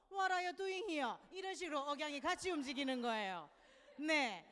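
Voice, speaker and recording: A woman from Busan with a Gyeongsang accent, a church teacher talking gently and chattily to children. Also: high voice, big-room sound. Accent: Busan Gyeongsang Korean. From Busan, South Korea. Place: church hall.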